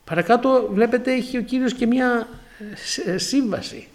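A man in his forties from Crete, preaching a sermon as he tells a personal testimony, acting out dialogue with lively exclamations. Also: very high-pitched. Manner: animated storytelling with acted-out dialogue and exclamations.

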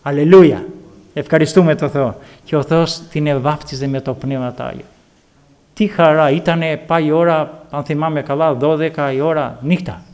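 Fervent male preacher, fairly high voice. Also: fairly even intonation. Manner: fervent, repeated hallelujahs and calls to the congregation; swings between loud exclamations and quiet storytelling. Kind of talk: sermon with personal testimony.

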